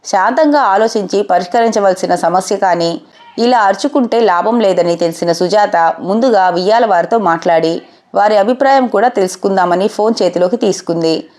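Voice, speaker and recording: Woman storyteller, calm and measured, mid-pitched, scripted narration.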